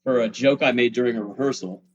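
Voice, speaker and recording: A male guest in a casual podcast conversation, often cutting in with quick agreements. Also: mid-range voice. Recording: dull lo-fi audio.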